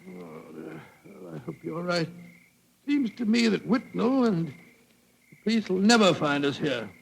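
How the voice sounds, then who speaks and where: An actor playing a fretful, grumbling older British doctor in a 1940s style radio play, fussy and blustering. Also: male voice, sits high, expressive, unhurried, vocal fry, full character voice. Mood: gloomy. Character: fretful, grumbling, loyal older male doctor, detective's companion. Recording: noisy vintage radio recording.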